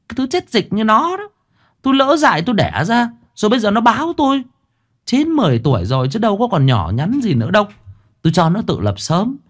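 A cruel, scornful young mother, screeching her abuse at a raised, piercing pitch that jumps up and down wildly, with a man doing her voice. She spits her words out fast and hard. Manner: screeching, abusive scolding. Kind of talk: storytelling with character voices.

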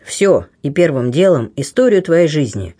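A man's voice: fairly high pitch, big pitch swings, moderate pace, mellow. A man reading the part of a blunt, kindly aging buccaneer who grumbles and teases. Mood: gruff warmth. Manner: grumbling, teasing, plain-spoken.

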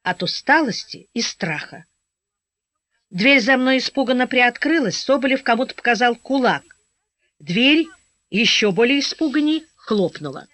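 Woman audiobook narrator, first-person story; bright, crisp tone, dry and slightly dull recording. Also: fairly high pitch, unhurried, dry recording. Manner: steady storytelling with voiced dialogue.

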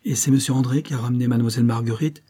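A man's voice: mid-range voice, very fast, husky, lightly acted. Rose, a resolute young wife, read by a man. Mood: controlled. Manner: controlled, calm pretense.

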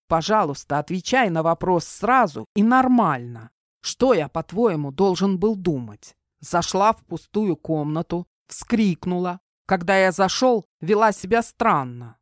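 A woman reading an audiobook, voicing a gruff young man who grumbles and teases dryly. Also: on the low side, dry recording, clean studio sound. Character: young man survivor, gruff, wry and protective.

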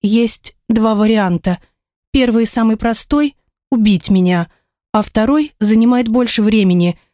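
A woman voicing a cursed young woman, quiet and resigned, in an audiobook. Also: a little high, unhurried, no echo, clean studio sound, natural voice.

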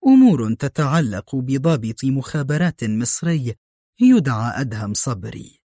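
A man voicing a cold, cunning female spy who speaks in sharp, harsh, mocking tones. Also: medium pitch, big pitch swings, moderate pace, no room sound, clean studio sound.

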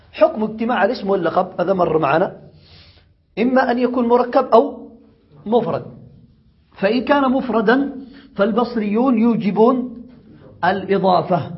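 A man from Yemen teaching a grammar lesson, who repeats examples and asks his students whether it is clear. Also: high-pitched, dull audio.

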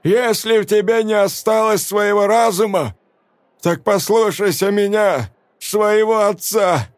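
A man reading a story aloud voices an old father, over 60, shouting a slow desperate plea to his daughter. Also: high voice, no echo, voice pushed up. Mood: pleading shout.

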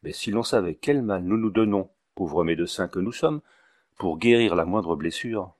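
Pompous long-winded village doctor, ceremonious, fussy, a little low, man reading it. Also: normal speed, a little mellow, close to an everyday voice.

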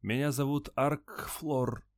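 A man voicing a timid robed alien creature who talks in a soft rustling whisper. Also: medium pitch, steady tone, slow, no echo, studio quality, pitched above the performer's own voice. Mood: fearful, hushed.

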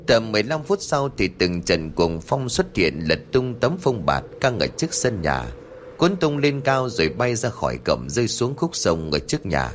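A man reading a ghost story aloud in a dramatic, expressive manner. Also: fairly low pitch, a little hiss or hum. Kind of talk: scripted ghost story narration.

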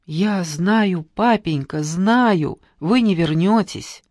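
A woman voicing an anguished young girl who begs her father not to leave, her voice rising and loud. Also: lowish voice, slow pace, no room sound, studio quality. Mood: pleading.

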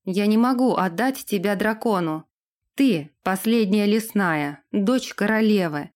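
A stern young lord set to be king, firm and commanding, as a woman reader puts him on in an almost everyday voice. He speaks with deliberate, controlled authority. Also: mid-range voice, a little mellow, lightly acted.

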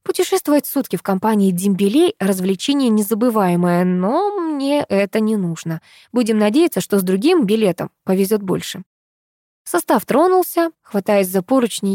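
A woman's voice: medium pitch, no room sound. Dry-sounding woman narrating an audiobook. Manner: lively, ironic storytelling. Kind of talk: first-person audiobook narration.

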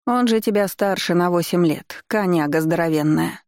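A woman voicing a bossy, sharp-tongued old grandmother who grumbles and scolds bluntly, recorded dry and close. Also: on the low side, moderate pace, dry recording, natural voice. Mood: grumbling. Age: older.

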